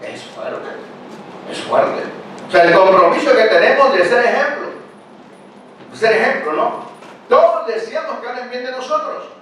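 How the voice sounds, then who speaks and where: A man's voice: very high voice, normal speed, fairly bright tone. Older male pastor, chatty sermon full of questions; distant mic in a very reverberant hall with faint background noise. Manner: conversational preaching with frequent rhetorical questions. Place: church hall. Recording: very echoey church hall, picked up from a distance.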